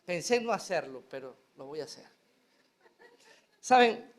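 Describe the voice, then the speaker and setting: Pastor man preaching, high voice that jumps all over, acts out the prayers. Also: moderate pace. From Venezuela. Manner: animated preaching, acting out prayers and dialogue. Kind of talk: sermon.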